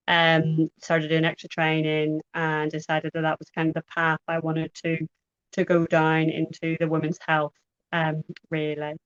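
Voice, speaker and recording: An Irish woman in her thirties speaks in a low, fairly flat voice, keeping her pace measured and deliberate as she explains her work on a podcast. The sound is dry and a little dull. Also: clear, resonant tone, no echo. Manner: measured, deliberately slowed speech. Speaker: podcast guest, pelvic health physio. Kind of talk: casual podcast chat. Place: at a co-host's home.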